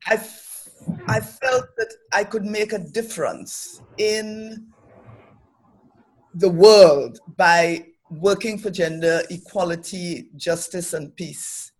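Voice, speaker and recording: Poor audio captures a fairly low, darkish, breathy female voice that takes things slowly. The speaker, a middle-aged woman from Trinidad who is an academic and development professional, gives thoughtful, earnest answers as a guest in a reflective interview.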